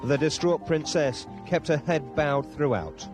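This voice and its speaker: Male news reporter, measured broadcast read, slightly high voice, clear music bed under.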